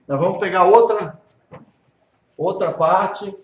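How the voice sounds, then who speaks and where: The audio, dull and lo-fi with faint noise in an echoey room, captures a Brazilian pastor's informal private Hebrew lesson. Speaking a little slowly in a high-pitched voice with a Brazilian Portuguese accent, he patiently repeats pronunciations and checks for understanding.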